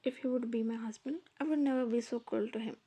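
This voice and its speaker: A woman narrating fan fiction aloud in a soft, even storytelling manner. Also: fairly high pitch, fast talker, husky.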